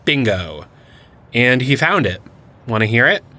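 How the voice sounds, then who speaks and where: A man's voice: mid-range voice, big pitch swings, unhurried, pushed and bright. An actor playing an enthusiastic young male cryptid hunter who explains things eagerly in an audio drama. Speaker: lead character.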